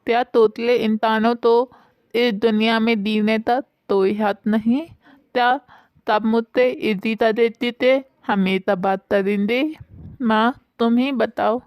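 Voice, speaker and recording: A woman's voice: on the high side, fairly even intonation, slow pace, clear, resonant tone, dry recording, muffled recording. A woman voicing a lisping young woman with a childlike, hurt manner in a storybook tale. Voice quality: childlike lisp.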